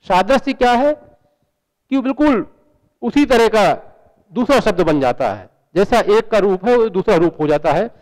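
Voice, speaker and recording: A man's voice: high-pitched, lively intonation, measured pace, darkish tone, big-room sound, low-quality recording. A man giving a university lecture, explaining patiently with many examples and rhetorical questions.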